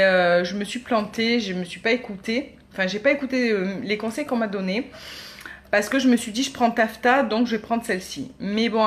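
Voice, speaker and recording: A woman, chatting casually as a beauty vlogger demonstrating makeup, with many hesitations. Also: medium pitch. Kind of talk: casual product demo.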